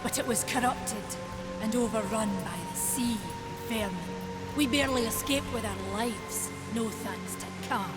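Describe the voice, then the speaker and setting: Woman as a brisk Scottish fantasy smith, music blaring. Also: on the high side, natural voice. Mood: solemn, concerned. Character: brisk, solemn female fantasy smith of ancient Makers. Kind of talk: dramatic fantasy game dialogue. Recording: very loud music behind.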